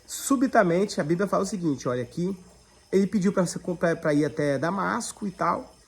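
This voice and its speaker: A woman's voice: fairly low pitch, animated, moderate pace, breathy edge. A Brazilian woman leading an online Bible devotional, preaching fervently and addressing her listeners as brothers. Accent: Brazilian Portuguese. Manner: fervent, addresses listeners as brothers, swings between loud and hushed.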